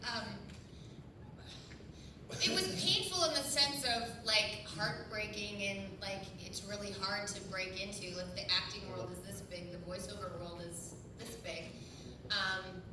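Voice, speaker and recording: A woman from Michigan who voices cartoons shares her story with a panel crowd. She talks in a chatty, open, lively way. She sounds far from the mic in a very echoey hall with a noisy background. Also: mid-range voice, a little slow. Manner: chatty, candid, animated storytelling. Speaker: voice actor panelist. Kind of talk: convention panel Q&A. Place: large convention hall.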